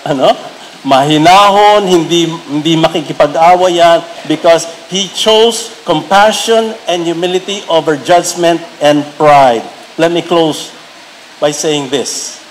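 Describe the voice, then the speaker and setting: Filipino-accented man, middle-aged pastor, sermon, high voice, emphatic peaks. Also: slow, slight background noise, low-quality recording. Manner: switches between Tagalog and English, builds to raised emphatic peaks.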